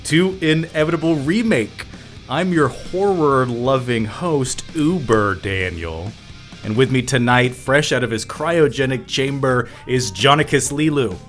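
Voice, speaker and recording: A man's voice: medium pitch, lively intonation, measured pace, a bit bright, soft background music. A man hosting a comedic podcast with a theatrical announcing manner. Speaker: podcast host.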